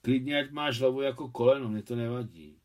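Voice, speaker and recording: A man reading the part of a young woman in an audiobook novel, direct and affectionate. She asks questions and teases lightly, in a voice pitched a little above the reader's own. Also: steady tone, darkish tone, recorded from a distance, close to an everyday voice. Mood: tender.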